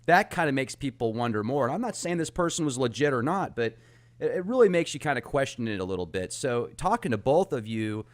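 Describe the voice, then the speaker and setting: A man's voice: mid-range voice, brisk. A man hosting a talk show, chatting casually and animatedly, laughing as he tells an anecdote. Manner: animated, laughing, acts out impressions. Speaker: host. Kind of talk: casual chat.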